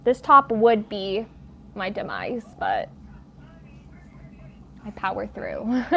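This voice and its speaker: A woman's voice: medium pitch, wildly swooping pitch, very slow, vocal fry, muffled recording, slight background noise. A woman hosting a casual at-home livestream, chatting while she crochets, rambling and easily sidetracked, with a lot of "like". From United States. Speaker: livestream host.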